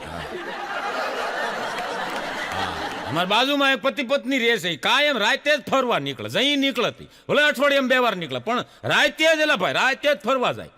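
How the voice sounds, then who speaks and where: Lively high-voiced comic man. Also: moderate pace. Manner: storytelling, voicing the people in his jokes. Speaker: stand-up comedian. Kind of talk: Gujarati stand-up joke telling. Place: stage before a live laughing audience. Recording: live stage with hall reverb.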